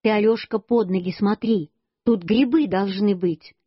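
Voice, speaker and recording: A woman's voice: medium pitch, unhurried, breathy edge, no echo. A woman voicing a kindly grown uncle who teases and explains patiently, in a storybook reading. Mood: teasing. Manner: cheerful, teasing, explaining patiently. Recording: dull lo-fi dry recording.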